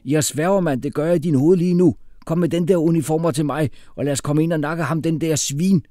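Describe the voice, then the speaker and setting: A man's voice: a little high, warm tone, no room sound, clean studio sound, voice pushed up, natural voice. A man voicing a cocky young street tough who talks in brash slang.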